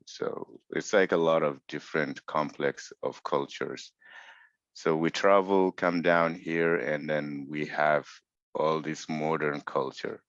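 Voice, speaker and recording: On a video call during an online panel discussion, a Mauritanian man from West Africa speaks earnestly, groping for the right words. His bass voice has a slightly bright edge, and the recording is dry but muffled.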